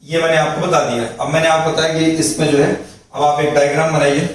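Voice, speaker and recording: A man's voice: a little high, flat delivery, quick pace. A man teaching physics in a classroom lecture, explaining step by step and checking in with students. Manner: explains step by step, repeats points, asks checking questions. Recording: echoey room, mic far off, faint noise.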